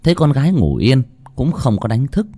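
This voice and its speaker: A man narrating a horror story in a dramatic, expressive way. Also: mid-range voice, brisk.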